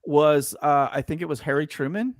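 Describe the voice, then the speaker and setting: Animated, profane man with a higher voice. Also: moderate pace, no echo, studio quality. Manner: animated, profane, laughing storyteller. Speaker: podcast co-host. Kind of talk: casual banter.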